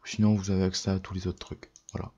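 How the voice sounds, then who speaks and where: A man's voice: low-pitched, little pitch movement, quick pace, dark tone, slightly rough, lo-fi sound. A tired man giving a casual, hesitant computer tutorial, full of fillers and self-corrections. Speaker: tech tutorial youtuber. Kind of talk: casual screen-recorded tutorial.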